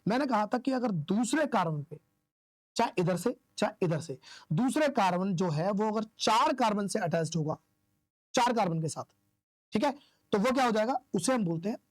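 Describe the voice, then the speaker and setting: A man's voice: high-pitched, lively intonation, moderate pace, no echo. A man teaching chemistry in a classroom-style lecture, asking questions and answering them himself while counting aloud. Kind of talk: classroom lecture explaining isomer naming.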